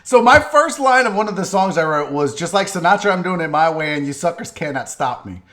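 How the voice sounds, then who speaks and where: A man's voice: a little high, expressive, a little fast, fairly bright tone. A man in his forties hosting a casual radio talk show, telling stories animatedly and swearing freely. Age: 40s. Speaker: host.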